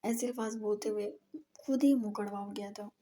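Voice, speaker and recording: A woman narrating a romance audio novel in steady storytelling style. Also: medium pitch, a little fast, slight background noise.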